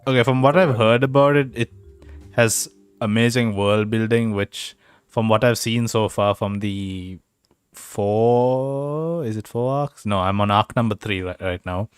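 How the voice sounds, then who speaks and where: A man's voice: fairly low pitch, unhurried, smooth, no echo, soft background music. A young man co-hosting a podcast, chatting casually and joking, rambling with many fillers over a home mic that sometimes cuts out. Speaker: podcast co-host. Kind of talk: casual chat. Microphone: home mic over a voice call, sometimes cutting out.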